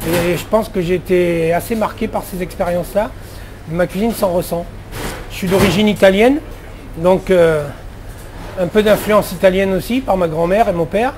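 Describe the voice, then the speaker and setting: A middle-aged man with a fairly high voice talks casually about his work as a head chef. He answers in loose, chatty sentences full of fillers and restarts, with faint noise in the background. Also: normal speed.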